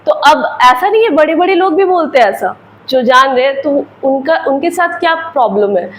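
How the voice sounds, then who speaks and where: A woman's voice: high voice, expressive, normal speed, poor audio. A woman English teacher with an Indian accent, explaining grammar in a patient classroom lecture with repeated examples.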